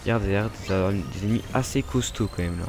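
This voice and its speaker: Over noise in the background, a French-accented gaming YouTuber with a slightly low voice talks fast through casual gameplay commentary. It's loose and unscripted, filled with fillers and restarted sentences, and aimed directly at his viewers.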